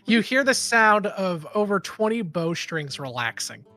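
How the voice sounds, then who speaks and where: A man's voice: high-pitched, very animated, unhurried, bright, forceful tone, soft background music. A man working as game master, narrating a tabletop roleplaying game.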